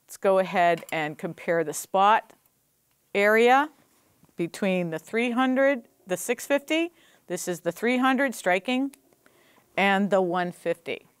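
A woman's voice: medium pitch, lively intonation, takes it slowly, clean tone, no room sound. A middle-aged woman teaching film lighting, explaining practically as she operates the gear on a studio stage. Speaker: film instructor. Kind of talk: hands-on equipment demonstration.

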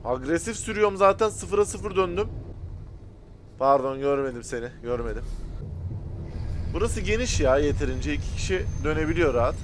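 A man hosting a gaming video, chatting to viewers in casual commentary, excitable and profane as he shouts at other drivers. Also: a little high, moderate pace, long pauses, background noise. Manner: talks directly to viewers.

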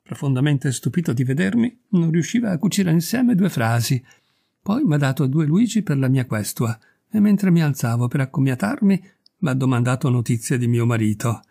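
A man reading aloud voices a scheming noblewoman who confides a secret in a hushed, savoring way. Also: mid-range voice, animated, normal speed, gravelly. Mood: confiding. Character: scheming gossiping noblewoman, gleeful, conspiratorial.

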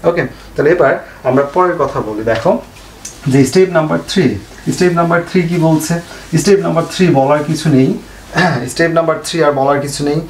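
A man's voice: fairly high pitch, creaky. Man teaching a chemistry lesson in an echoey room. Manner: asks questions and answers them himself, repeats key points. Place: home room, fan switched off. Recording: echoey room, faint noise.

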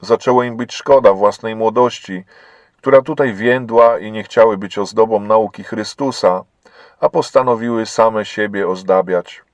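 Man voicing a grieving old believer woman, low voice, measured, sad, dry close sound. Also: steady tone, no room sound, lo-fi sound, natural voice. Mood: sorrowful. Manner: sorrowful, measured storytelling.

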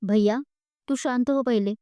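A woman voicing a caring younger sister who talks gently and soothingly, in a spoken storybook. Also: a little high, normal speed, clean tone, dry recording, lightly acted.

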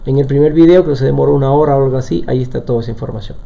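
A man's voice: medium pitch, very fast, vocal fry, warm tone, dull audio. A man teaching a live online language lesson, explaining step by step and often checking in with his students. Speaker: English teacher.

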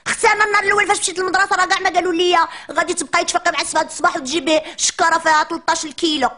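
A woman's voice: very high-pitched, fairly even intonation, rapid-fire, pushed and bright. A woman with a Moroccan accent playing a chatty, cheeky little preschool girl in a comic monologue, complaining in a whiny childish chatter.

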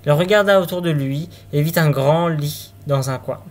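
A man's voice: a little high, moderate pace. Man reading a fairy tale aloud. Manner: occasional stumbles and restarts. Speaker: storyteller.

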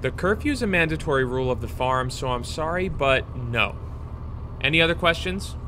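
A man's voice: mid-range voice, animated, moderate pace, sharp tone, slight background noise. An actor playing a strict, impatient male teacher who herds students onto a school bus, stern and dryly exasperated in an amateur audio drama. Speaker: teacher chaperone.

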